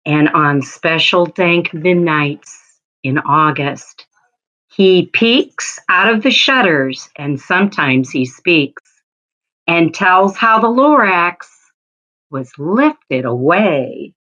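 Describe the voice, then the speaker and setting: A woman reading a children's storybook in a measured way. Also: fairly low pitch, expressive, a bit bright, highs cut off. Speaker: school staff member reading aloud.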